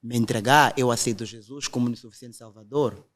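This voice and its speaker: A man's voice: mid-range voice, fairly quick, a bit bright. Earnest man telling his testimony. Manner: earnest storytelling, quotes others directly. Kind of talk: emotional testimony in conversation.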